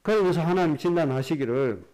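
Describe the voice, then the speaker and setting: A man preaching a Sunday sermon as a pastor, asking the congregation rhetorical questions and dropping low at the ends of phrases. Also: expressive, a little mellow, poor audio. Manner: slows down and drops low at the end of phrases.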